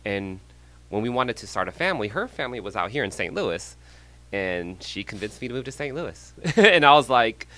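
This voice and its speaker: This San Jose, California, man in his thirties works in real estate and is chatting on a podcast as a guest. His medium-pitched voice is sing-song with a sharp tone, and he stays friendly and measured, dropping plenty of ums and little laughs.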